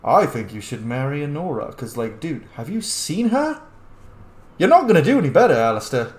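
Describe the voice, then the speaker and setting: A gamer who hosts a roleplay series talks in a chatty, informal way while playing a roleplaying game, also reading out his character's lines. His voice sits on the high side and is very animated, at a normal speed, with a roomy sound.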